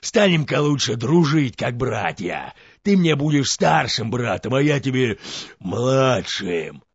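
A man voicing a boastful, clumsy male serpent-dragon in a folk tale, with a raspy, gravelly voice and a slow drawl. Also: medium pitch, sing-song, no echo, dull audio, heavily acted. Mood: grumbling.

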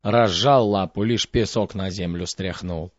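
A man telling a fairy tale in a measured, expressive storytelling voice. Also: low-pitched, dry recording, muffled recording.

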